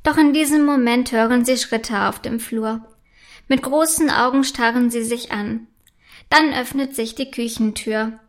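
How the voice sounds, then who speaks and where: A woman narrating a children's bedtime story in a gentle, even storytelling manner. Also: a little high, unhurried.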